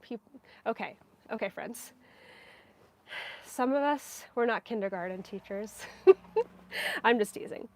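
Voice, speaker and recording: A woman's voice: fairly high pitch, slow, long pauses, darkish tone. A woman hosting her knitting podcast live, chatting casually with frequent little laughs and fillers. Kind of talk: casual live-stream chat.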